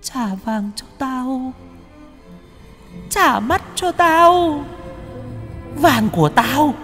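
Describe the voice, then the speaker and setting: A vengeful female ghost moans for her stolen gold, voiced by a woman in an audio horror story. Her delivery is slow, eerie and menacing, and she sits high in pitch. A ghostly reverb trails every word. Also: lively intonation, a bit bright, soft background music, exaggerated voice. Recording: echoey with long reverb.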